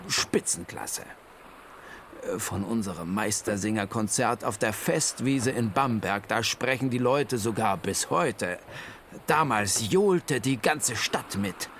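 A man voicing an old male owl who tells his own adventure in a playful, lively children's audiobook style. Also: lowish voice, a little slow, slight background noise. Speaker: first-person storyteller. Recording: music playing under the voice. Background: music.

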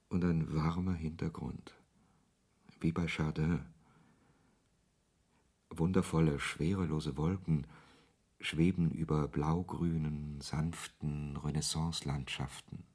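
An actor with a low, husky, slightly mellow voice plays a brooding, ironic author who tells his own story in a radio play, narrating in first person and speaking dialogue with literary, sardonic flair. He speaks slowly, pausing often, in a full character voice, and the mood is reflective.

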